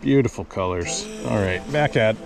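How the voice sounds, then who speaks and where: Over music, this man speaks at a normal speed in a mid-range voice with vocal fry. He's an American in his thirties recording his own fly fishing trip on a river with a body-worn action camera, chatting casually, exclaiming with each strike, and addressing the fish directly.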